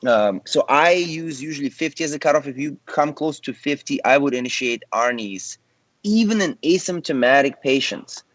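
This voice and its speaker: A male cardiologist speaks on a panel in a confident, conversational manner with joking asides. His mid-range voice is animated and a bit bright at normal speed, heard through muffled, dry video call audio with no echo.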